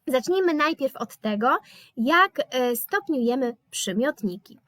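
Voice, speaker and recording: Slow, patient woman teaching German. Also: sits high, expressive, a bit bright, dry recording. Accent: Polish. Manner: slow, patient explaining with hesitation fillers. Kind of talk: live online language lesson.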